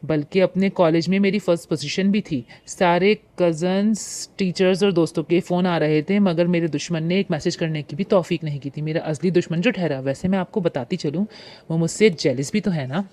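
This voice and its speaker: A woman reading a romantic novel aloud in the first person, with expressive storytelling. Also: fairly low pitch, normal speed. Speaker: audiobook narrator.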